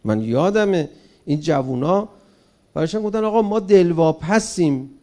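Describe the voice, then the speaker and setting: A man giving an impassioned public speech, questioning his listeners directly and swinging between loud emphatic bursts and quiet asides. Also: fairly high pitch, expressive. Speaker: public speaker.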